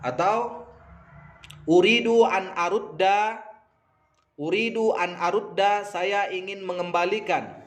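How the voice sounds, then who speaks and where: A high-pitched man with an Indonesian accent, teaching beginners a vocabulary list. He speaks slowly and patiently, saying each word, giving its meaning and repeating both. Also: fairly even intonation. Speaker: Arabic teacher. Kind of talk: vocabulary lesson.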